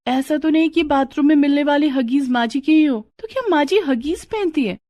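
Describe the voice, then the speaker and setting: A woman's voice: on the high side, animated, moderate pace, dry recording, pitched above the performer's own voice, close to an everyday voice. A woman voicing a curious, scheming young daughter-in-law in a cartoon story. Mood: inquisitive.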